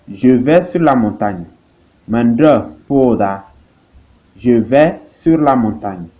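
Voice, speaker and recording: Slow, careful male language teacher. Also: medium pitch, lo-fi sound. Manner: slow, repeats each example word twice. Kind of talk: language lesson.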